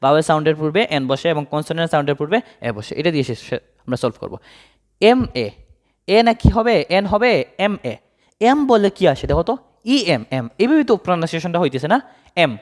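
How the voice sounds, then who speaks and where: A male English grammar teacher from Bangladesh. He explains the lesson by asking questions and answering them himself, dropping low and soft on each answer. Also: animated, a little fast.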